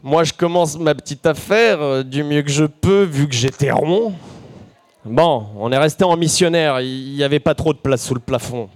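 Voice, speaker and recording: A man's voice: fairly high pitch, moderate pace. A man performing a bawdy, self-mocking comic story in rhyme in front of a live audience.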